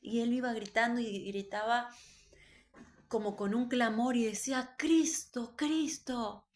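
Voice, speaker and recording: A woman giving an earnest, emotional religious testimony about a vision, told slowly. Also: a little high, fairly even intonation. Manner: earnest, slow, emotional storytelling. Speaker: believer recounting a vision.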